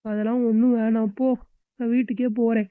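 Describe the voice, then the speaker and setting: Brief: woman playing a petulant, grumbling wife, slightly high voice, dry muffled recording. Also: little pitch movement, brisk, clean tone, dry recording, lightly acted. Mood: sulking. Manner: complaining, petulant village talk. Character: grown woman, sulky and hungry on her birthday. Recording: dull, muffled close recording.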